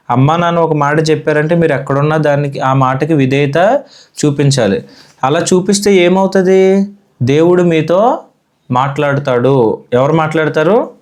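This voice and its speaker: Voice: medium pitch, a little mellow. A Sunday school teacher from India giving a children's Bible lesson in a church classroom, asking the children questions and repeating their answers.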